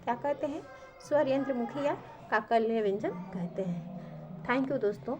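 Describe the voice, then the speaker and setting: एक महिला शिक्षिका जो परीक्षा की तैयारी के लिए व्याकरण का पाठ पढ़ाती है, खुद से सवाल पूछकर जवाब देती है और मुख्य शब्द दोहराती है।. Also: female voice, a little high, unhurried, highs cut off, over music. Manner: asks a question and answers it herself, repeats key terms. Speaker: teacher. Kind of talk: exam-prep grammar lesson.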